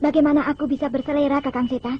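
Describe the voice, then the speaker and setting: Woman as spoiled, mocking warrior girl for old radio drama: very high, pouty, theatrical, muffled lo-fi. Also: flat delivery, racing, lightly acted. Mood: disgusted.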